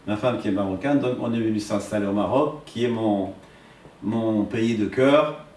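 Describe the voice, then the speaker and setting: An eye doctor from Iran, in his sixties or beyond, presents his work and tools in an interview, explaining like a lecturer and answering his own questions. His voice is lowish and darkish, at a moderate pace.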